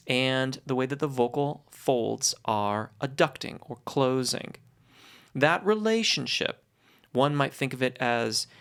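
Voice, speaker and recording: Voice coach for Q&A lesson: medium pitch, conversational, reassuring, articulate, explains things deliberately. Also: creaky, a bit bright. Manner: encouraging, reassuring. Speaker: voice teacher, host answering questions.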